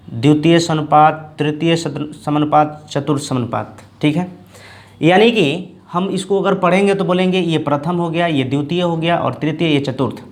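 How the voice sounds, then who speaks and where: A male math teacher giving a board lesson, repeating each term slowly and checking in with his students. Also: fairly high pitch. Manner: repeats terms slowly, checks in with "ठीक ना" and "दोस्तों".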